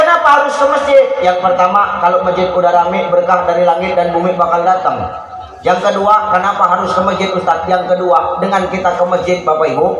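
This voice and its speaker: Brief: high-pitched male preacher, comic sermon, long hall reverb, faint noise. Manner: lively, jokey, addresses the audience as "Pak". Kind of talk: humorous sermon.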